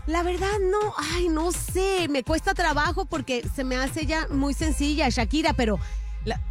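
High-pitched woman chatting celebrity gossip. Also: normal speed. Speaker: radio entertainment gossip presenter. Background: faint music.

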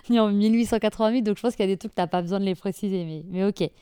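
A woman's voice: mid-range voice, dark tone, clear, resonant tone, no echo, studio quality. A woman in her thirties co-hosting a podcast, chatting casually and joking with her sister. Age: 30s. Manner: quick, joking, playful asides. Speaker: podcast co-host. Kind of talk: casual chat.

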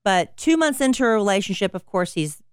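A woman's voice: mid-range voice, expressive, brisk, clear, resonant tone, dry recording, clean studio sound. A middle-aged woman hosting an advice podcast, giving frank, blunt advice in a casual, folksy way.

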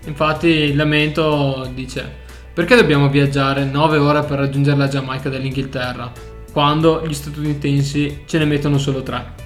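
A man's voice: a little high, flat delivery, normal speed, few pauses, faint music behind. A man co-hosting a radio show in casual comic banter.

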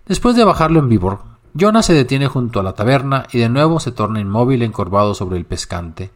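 A man narrating a literary short story in a measured, unhurried reading. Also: medium pitch, very animated.

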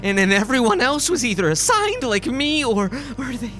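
A man's voice: extremely high pitch, sing-song, moderate pace, fairly bright tone, soft background music, pitched above the performer's own voice, full character voice. A man voicing a jittery, panicky small young man for a story reading, stammering through frantic outbursts. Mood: panicked. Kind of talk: audiobook character voice.

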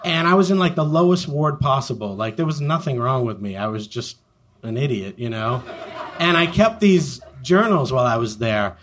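A man's voice: mid-range voice, expressive, normal speed, a bit bright, slight background noise. A man telling a self-mocking, wry story at a live diary reading. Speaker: diary reader on stage. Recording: older archive live recording.

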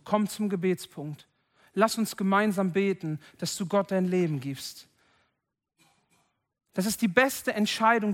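A man preaching a sermon at a church service, impassioned and building to loud calls to his listeners. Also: sits high.

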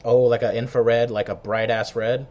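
A man's voice: medium pitch, little pitch movement, normal speed, darkish tone, muffled recording. A man hosting a casual podcast, chummy and slangy, swearing freely. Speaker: podcast host. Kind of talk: casual interview chat.

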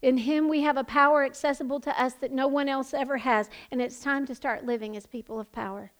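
A woman's voice: high-pitched, fairly even intonation, brisk. A woman pastor preaching a sermon, passionate and building to emphatic proclamations.

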